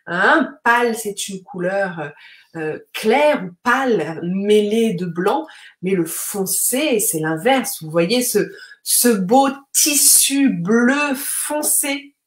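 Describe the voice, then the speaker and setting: A woman's voice: medium pitch, lively intonation, slow. A woman French teacher hosting a live-streamed vocabulary lesson, explaining patiently and greeting viewers from the comments, with frequent fillers and tag questions. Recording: roomy echo.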